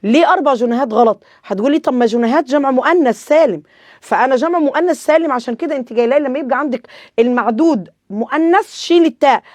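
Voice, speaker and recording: A woman's voice: high-pitched, racing, a little mellow, no echo. A woman with an Egyptian accent teaching an Arabic grammar lesson, asking questions and answering them herself, repeating the rules.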